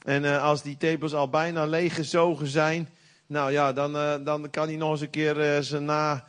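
A middle-aged man preaches a sermon with a slightly raised voice. He talks in a folksy, conversational way, then bursts out loud on key points. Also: a little high, moderate pace. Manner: animated, folksy preaching with sudden loud outbursts.

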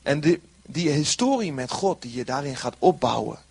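A man's voice: on the high side, expressive, moderate pace, vocal fry, a little mellow, slightly rough. A man preaching a sermon in an earnest way, repeating short phrases for emphasis.

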